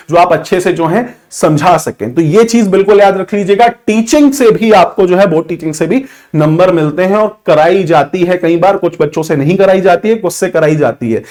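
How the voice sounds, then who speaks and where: Guy with a high voice coaching students for interviews, keeps repeating the main points, talks right to the class. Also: a little mellow. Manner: instructive, repeats key points, addresses students directly. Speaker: coaching teacher. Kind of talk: exam interview tips lesson. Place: classroom with a board.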